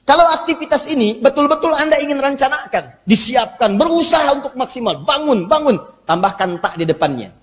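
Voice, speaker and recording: A high-voiced man delivers an Islamic sermon with animated, playful energy and teases his listeners. His voice rings with long reverb through a large mosque hall. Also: brisk, few pauses. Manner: animated, humorous, teasing the audience. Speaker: preacher, ustaz.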